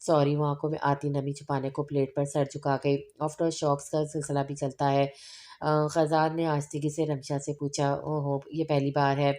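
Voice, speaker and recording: A woman narrating an audio novel in a steady, even reading. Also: low-pitched, normal speed.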